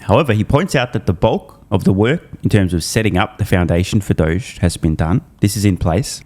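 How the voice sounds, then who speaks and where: A deep-voiced man hosting an investor news channel delivers a scripted recap with punchy emphasis and a somewhat dark tone. He comes across as opinionated and irreverent, slipping casual, slangy asides in between the prepared points.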